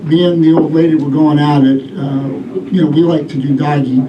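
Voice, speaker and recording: Echoey, high-pitched middle-aged male stand-up comedian. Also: level tone, normal speed, lo-fi sound, heavy background noise. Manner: rambling storyteller delivery, acting out bits. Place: live comedy venue with audience. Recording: echoey club room, distant mic, audience laughter.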